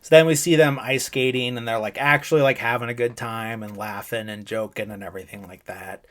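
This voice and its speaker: A man's voice: mid-range voice, fairly even intonation, fairly quick, fairly bright tone. A man hosting a podcast, casually recapping a film in a rambling way, full of filler words. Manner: rambling, heavy use of fillers. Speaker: podcast host.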